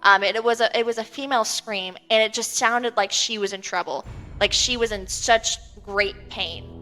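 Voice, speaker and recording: A woman co-hosting a podcast, chatting casually and animatedly with plenty of "um"s and "like"s. Her voice is bright and sits mid-range, and it rings with a long reverb. Faint music plays underneath. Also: on the high side, normal speed. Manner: chatty, animated storytelling with many fillers. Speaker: podcast co-host. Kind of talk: casual chat.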